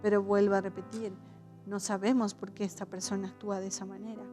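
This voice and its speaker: A woman's voice: medium pitch, little pitch movement, quick pace, mellow, soft background music. A woman pastor giving a conversational sermon, often restarting her sentences, adding tag questions and acting out quoted voices.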